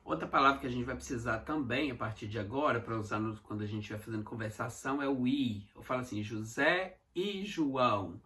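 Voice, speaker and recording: A man from Minas Gerais with a Mineiro Brazilian accent, teaching English words in an online lesson and repeating each one slowly for pronunciation practice. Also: medium pitch, sharp tone. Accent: Mineiro Brazilian Portuguese. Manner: slow, repeated pronunciation drills with frequent "tá?" check-ins.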